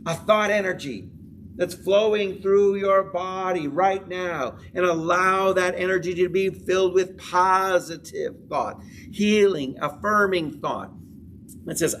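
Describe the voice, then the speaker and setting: A man leads a spiritual lesson in a fairly high voice, moving through slow, measured lines and repeated affirmations. He sits a little away from the microphone, with a faint hum of room noise behind him. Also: fairly bright tone, distant mic. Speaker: spiritual teacher. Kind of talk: spiritual class lecture.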